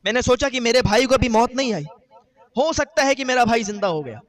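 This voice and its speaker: High-voiced man telling a sermon story. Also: animated. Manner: emotional storytelling, voices the grieving brother's words. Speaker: preacher.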